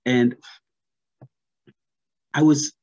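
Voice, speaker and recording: A man's voice: medium pitch, steady tone, extremely slow, a little mellow. A man in his thirties with a Tanzanian accent, giving earnest casual commentary over a video call, with many fillers and restarts. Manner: earnest, many fillers, gestures while talking. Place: plain room, indoors. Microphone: laptop webcam video call. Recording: muffled lo-fi webcam audio.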